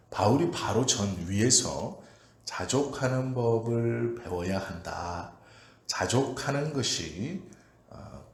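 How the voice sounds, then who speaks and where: A male pastor preaching an early-morning prayer sermon in a calm, measured way, pausing often with "uh". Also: fairly low pitch. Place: church sanctuary. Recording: echoey church room with faint ambient noise.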